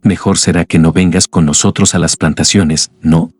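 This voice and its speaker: A man's voice: low-pitched, fairly even intonation, normal speed, a little mellow, slightly rough, dry recording, clean studio sound, faint music behind. Man voicing a solicitous wealthy husband. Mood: concerned. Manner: concerned, solicitous. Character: wealthy husband, fussing over his wife.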